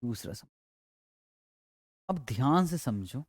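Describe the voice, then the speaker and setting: A man's voice: mid-range voice, expressive, takes it slowly, no echo, studio quality. A male teacher giving a classroom lecture, explaining step by step and coaxing, often asking students' questions and answering them himself. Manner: repetitive, coaxing.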